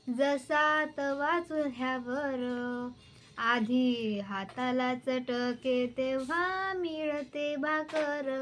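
A teenage schoolgirl reciting poems slowly, half-chanting and sometimes singing the verses. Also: high-pitched. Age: teens. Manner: drawn-out, chanting delivery of verses. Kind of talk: slow poetry recitation, partly sung.

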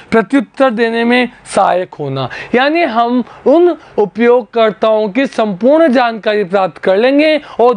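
Male teacher explaining accounting step by step. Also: very high voice. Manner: explains step by step, repeating key terms. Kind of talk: classroom lecture. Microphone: recorded lecture for an education channel.

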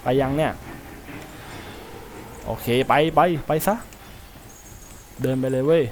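A man's voice: medium pitch, slow, darkish tone, slight background noise. A man commenting as he plays a horror game, talking to himself and yelping when startled. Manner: jumpy, talks to himself, yelps when startled. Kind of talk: gameplay commentary.

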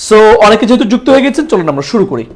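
A young Bangladeshi man leads a live online English lesson in front of a whiteboard. His voice sits high and he talks at a brisk clip. He is lively and slips English phrases into his speech. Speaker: English teacher. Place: classroom with whiteboard.

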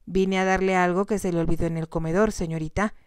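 A woman's voice: lowish voice, steady tone, quick pace, smooth, dry recording, clean studio sound, lightly acted. A woman voicing a pushy man who forces his way into a lady's room and brushes off her pleas. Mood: smug insistent. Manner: insistent, smug.

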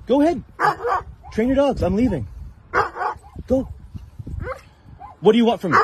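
A man's voice: extremely high pitch, lively intonation, measured pace. A man in a heated argument in an outdoor park, repeating himself defensively and telling a woman to leave, recorded on a phone. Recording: noisy outdoor phone video.

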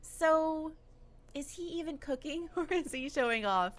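A woman giving casual let's-play commentary on a video game, excitable and exclamatory, laughing often. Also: sits high, a little slow. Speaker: gaming YouTuber.

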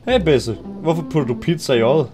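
A young man giving excitable, swear-filled let's play commentary, mixing in English slang. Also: fairly high pitch, over music. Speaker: gaming YouTuber.

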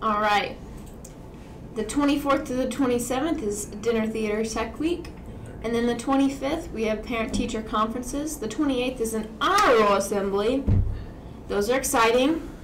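A woman's voice: a little high, normal speed. A teenage female student presenting an event calendar informally, with casual asides. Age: teenager, high school student. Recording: clear background noise.

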